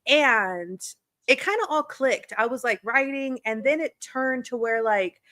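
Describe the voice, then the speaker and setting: Young female guest, bright and crisp-edged tone, dry recording, informal conversational delivery that wanders. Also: on the high side, lively intonation, unhurried, no room sound. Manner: rambling, informal, thinking aloud. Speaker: talk show guest, business coach. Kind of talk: casual chat.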